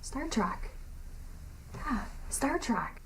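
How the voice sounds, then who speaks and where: A woman's voice: high-pitched, big pitch swings, very slow, background noise, heavily acted. A woman playing an earnest, insecure acting student in a naturalistic short film. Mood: tentative, eager.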